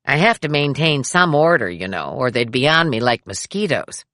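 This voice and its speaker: A woman's voice: rumbling low, sing-song, normal speed, a bit bright, no echo, clean studio sound, heavily acted. A woman voicing a charming, cocky brother with a jokey swagger. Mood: joking.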